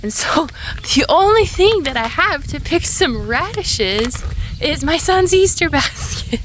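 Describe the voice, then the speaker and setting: A chatty young woman talks straight to her phone camera in a casual, upbeat vlog. Her voice sits a touch high, and loud background noise runs under the phone recording. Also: very animated, slow pace. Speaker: author and vlogger. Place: outdoors on a lake island.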